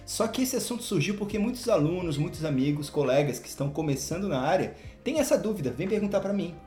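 A man's voice: high-pitched, expressive, fast talker, warm tone, faint music behind. A man hosting a casual podcast, explaining things in an upbeat way and drawing out key words. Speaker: podcast host. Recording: roomy echo.

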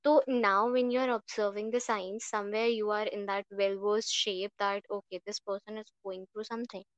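A woman's voice: medium pitch, level tone, moderate pace, no echo, highs cut off. A woman with a North Indian accent giving explanatory advice in a podcast interview, often checking that she is followed. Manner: explanatory, frequent checking tags. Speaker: guest mental health expert. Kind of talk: advisory podcast interview, mixing Hindi and English.

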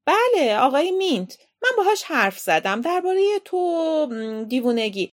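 A woman voicing a bustling, bossy and cheery middle-aged aunt in a storybook reading, chattering eagerly and shouting. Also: sits high, very animated, pitched above the performer's own voice. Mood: chatty.

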